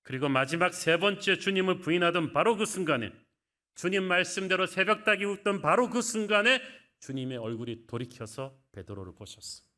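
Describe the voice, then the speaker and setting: A male pastor preaching a sermon in a church, emphatic, with dramatic swings from soft to loud. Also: high-pitched, expressive, a little fast. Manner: emphatic, dramatic rises and drops in volume. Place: church sanctuary.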